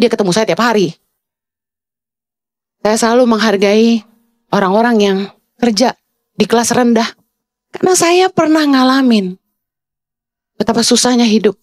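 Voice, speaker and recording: Fast-talking woman pastor preaching. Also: darkish tone. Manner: fast, high-pitched preaching that sounds angry; mixes English phrases into her talk. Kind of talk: sermon.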